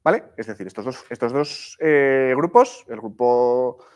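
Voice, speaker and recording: A man from teaches a live workshop in a middle-pitched voice. He explains patiently and in pieces, restarting phrases and checking in with the room after almost every point. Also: lively intonation, a little slow, clean tone. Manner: explanatory, frequent checks with "¿sí?" and "¿vale?", many restarts.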